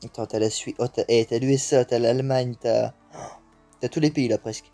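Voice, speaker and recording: Excitable young man narrating his gameplay. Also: medium pitch, normal speed, soft background music. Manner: excitable, swears often, mixes English exclamations into French. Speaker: gaming YouTuber. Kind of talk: live gameplay commentary.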